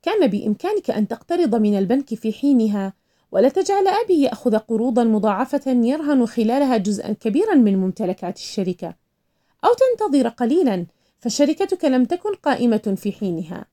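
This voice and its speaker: A woman's voice: a little high, big pitch swings, fast talker, dark tone. A woman voicing a young heiress who sharply accuses a man of deceiving her father. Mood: accusing.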